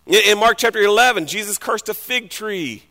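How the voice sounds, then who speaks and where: A man preaching a sermon and reading scripture aloud, dramatic, swinging between hushed passages and loud outbursts. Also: high-pitched, moderate pace. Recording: long hall reverb.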